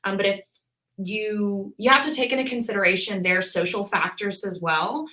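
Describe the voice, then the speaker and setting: A woman's voice: mid-range voice, normal speed, pushed and bright, rough recording. A woman in her twenties, a physical therapist, talking casually as a podcast guest with lots of filler words. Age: 20s. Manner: chatty, frequent "like" and "um" fillers.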